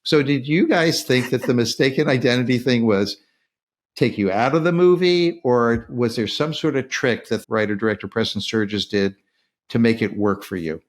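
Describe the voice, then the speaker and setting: A man hosting a relaxed film podcast, steering the chat with questions. He retells scenes with lively energy. His voice sits in a middle pitch. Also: moderate pace. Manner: leads with questions, animated retelling. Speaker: podcast host. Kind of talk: casual film discussion.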